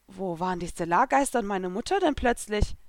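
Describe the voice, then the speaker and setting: A woman reading first-person fan fiction aloud in a lively, expressive storytelling manner. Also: medium pitch, brisk, no echo, clean studio sound. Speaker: reader.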